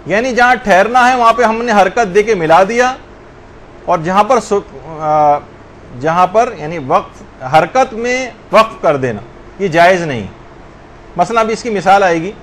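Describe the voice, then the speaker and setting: A man giving a religious lesson on correct Quran recitation, pausing now and then to chant verses slowly as examples. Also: sits high, lively intonation, a bit bright, a little hiss or hum. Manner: slow chanted demonstrations of verses.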